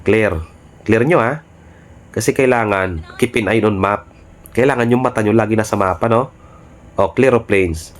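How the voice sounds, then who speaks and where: A man's voice: lowish voice, normal speed, pauses often. A young man streaming a mobile game, bossing his teammates, swearing and trash-talking opponents in brash, repetitive calls. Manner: repetitive calls, tag word after most phrases; cocky, mocking laughs. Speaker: gaming streamer. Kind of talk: live mobile game commentary.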